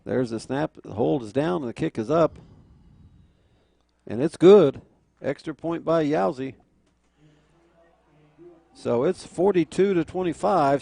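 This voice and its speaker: Male American football play-by-play, slightly high pitch, mellow and gravelly. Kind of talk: live play-by-play sports commentary.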